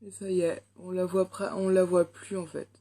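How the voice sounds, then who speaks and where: A woman's voice: fairly low pitch, flat delivery, moderate pace, mellow. A young woman with a French accent reviewing a makeup palette in a casual, hesitant way, full of fillers. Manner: chatty, hesitant, many fillers. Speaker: beauty vlogger.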